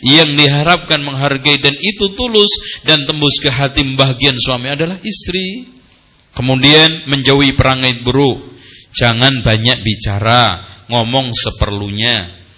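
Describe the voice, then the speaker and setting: Bright, animated preacher man. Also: mid-range voice, measured pace. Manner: animated, jokes with the audience, quotes Arabic. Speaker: Islamic preacher. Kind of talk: sermon with humor.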